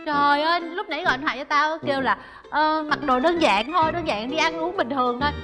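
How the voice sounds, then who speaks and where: A woman's voice: sits high, fast talker, music in the background, natural voice. An actress playing a plain, timid married woman who complains and defends herself. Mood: defensive. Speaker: actress in a TV drama.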